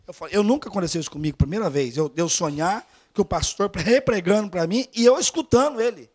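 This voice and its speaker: A man with a Brazilian accent preaches at a church service, telling a story from his own life. His voice sits high for a man and stays lively, sinking to near-whispers before rising into loud exhortation. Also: fast. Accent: Brazilian Portuguese. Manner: animated, swings from hushed asides to loud urging. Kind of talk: storytelling sermon.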